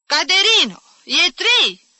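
A woman's voice: expressive, sharp tone, dry recording. A woman reading aloud, voicing a fussy spinster housekeeper of about fifty who calls out shrilly. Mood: shouting. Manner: shrill calling, fussing.

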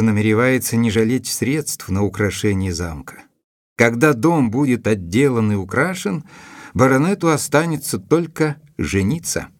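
An actor playing Dr Watson, an earnest, dutiful gentleman narrating his report in a measured, literary manner for an audio drama. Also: medium pitch, dry recording, studio quality, close to an everyday voice. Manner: measured, deliberate, literary phrasing.

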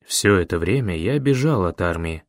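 A man playing a weary, gentle father. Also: sits low, expressive, moderate pace, no echo, studio quality, pitched below the performer's own voice. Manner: quiet, earnest.

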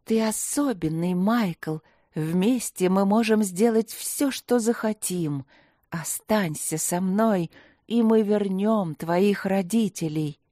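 A woman voicing a sinister disembodied male evil spirit that talks slowly and in a wheedling whisper. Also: mid-range voice, dark tone, no echo, studio quality. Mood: menacing whisper.

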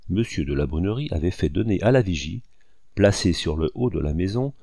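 A man reading a classic novel aloud as an audiobook narrator, in a steady, measured way. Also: deep voice, vocal fry, dry recording. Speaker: audiobook reader.

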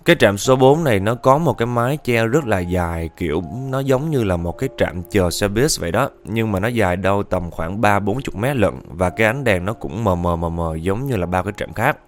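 A man's voice: fairly low pitch, animated, a little fast, few pauses. A man telling a ghost story in a casual, chatty way, often speaking straight to his listeners. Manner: chatty, addresses listeners directly.

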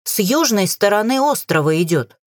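Woman voicing a brisk alarmed crow lookout. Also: medium pitch, lively intonation, dry recording, clean studio sound, natural voice. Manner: urgent cawing reports. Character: talking crow, female lookout, brisk and alert.

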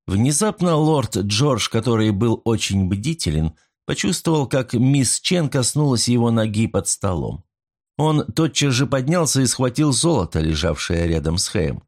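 A man reading a story aloud in measured scripted narration. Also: mid-range voice, very animated, a little mellow.

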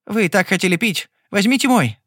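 A man voicing a charming young gambler in an audiobook, smooth and mocking. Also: sits high, lively intonation, normal speed, fairly bright tone, no room sound, clean studio sound, voice pushed up. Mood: mock-polite. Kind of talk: audiobook character voice.

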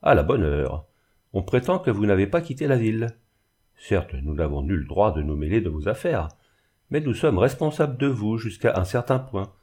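A man's voice: on the low side, expressive, moderate pace, warm tone, breathy edge. A man reading the part of a harsh, severe old spinster seamstress in an audiobook. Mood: stern. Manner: severe, accusing.

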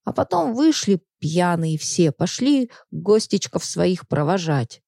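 A woman voicing a grumbling, nosy old woman who gossips in a slow, drawling voice. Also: on the low side, sing-song, vocal fry, dark tone, no room sound, clean studio sound, full character voice. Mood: eager.

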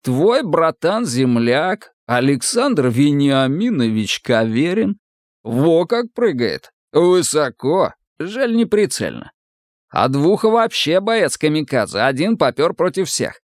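A man's voice: on the high side, big pitch swings, takes it slowly, no room sound, studio quality, pitched above the performer's own voice. A man voicing a swaggering young male army bully who barks coarse, contemptuous slang.

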